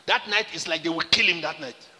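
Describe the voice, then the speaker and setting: A man's voice: fairly high pitch, fairly quick, sharp tone, in a large hall. A man preaching a sermon as pastor, emphatic and acting out the conversations he retells. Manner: emphatic preaching, acts out quoted exchanges.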